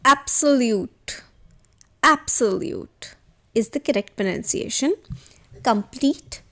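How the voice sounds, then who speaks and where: A woman teaching English words, moving at an unhurried pace. Her fairly high voice rises and falls a great deal as she spells words out and stretches example sentences word by word. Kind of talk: vocabulary lesson, slow spelled-out pronunciation.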